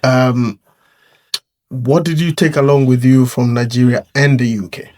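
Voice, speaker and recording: Mid-pitched man hosting casual chat. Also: fairly even intonation, measured pace, darkish tone. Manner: asks questions, chimes in with short affirmations. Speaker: host. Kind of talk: casual conversation.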